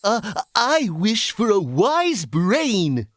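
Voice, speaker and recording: A woman's voice: mid-range voice, sing-song, extremely slow, dry recording, studio quality, soft background music. A woman voicing a thoughtful, helpful scarecrow in a children's storybook cartoon, musing and hesitant.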